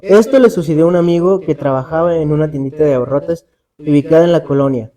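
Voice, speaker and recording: A man, co-hosting and telling a horror story in a dramatic, measured way. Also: on the high side, over music. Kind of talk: storytelling narration in casual talk.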